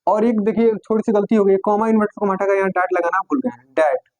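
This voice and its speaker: A man teaching English grammar in Hindi. He talks slowly, dictates example sentences word by word, and spells out letters. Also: high voice, darkish tone, low-quality recording. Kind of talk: classroom lesson.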